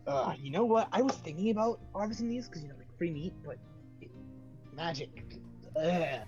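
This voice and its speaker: A woman with a fairly low voice banters as a tabletop game player, blunt and joking. Her audio is slightly dull, with music behind it. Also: expressive, moderate pace, dark tone. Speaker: tabletop role-play player.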